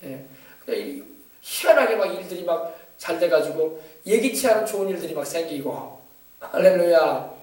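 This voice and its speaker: A man pastor preaching a sermon, emphatic and exhorting, moving between loud commands and quieter asides. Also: on the high side, animated, normal speed. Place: church sanctuary. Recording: echoey church hall from far off.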